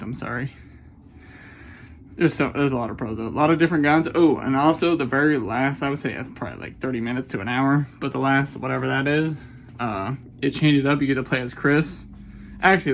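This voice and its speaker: A man's voice: medium pitch, slight background noise. A man in his twenties giving a casual, rambling game review, swearing often and apologizing when he loses his train of thought. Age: 20s. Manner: rambling, profane, self-conscious.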